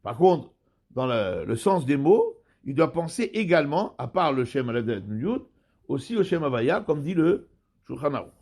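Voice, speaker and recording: A man gives a rabbinic study lesson in a fairly high voice. He explains step by step, pausing, repeating and rewording each term for his listeners. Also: sing-song, a little mellow. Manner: explains slowly, repeats and rephrases terms.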